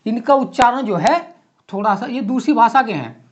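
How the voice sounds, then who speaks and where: A man teaching a grammar class, explaining slowly and repeating example words. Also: very high voice, lively intonation. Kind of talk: Hindi grammar lecture. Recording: dull lo-fi classroom recording.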